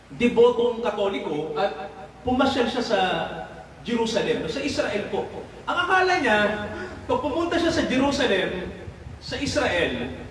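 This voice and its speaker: A man's voice: high voice, slight background noise. A man preaching a Bible study sermon, often turning to the listeners with questions and laughing as he talks. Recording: echoey hall, from far off the mic.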